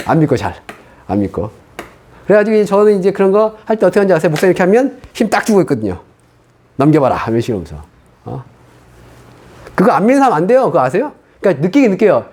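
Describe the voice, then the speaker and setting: A high-voiced, quick-talking middle-aged male pastor gives a sermon testimony. His pitch swings widely as he acts out his past words and thoughts. The delivery is animated storytelling from the pulpit.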